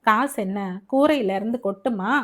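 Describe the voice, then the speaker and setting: A woman's voice: a little high, moderate pace, natural voice. A woman voicing a frightened young man lying ill in a hospital bed, anxious and complaining of pain, in an audio novel. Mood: worried. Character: frightened sick young man, fearful of dying.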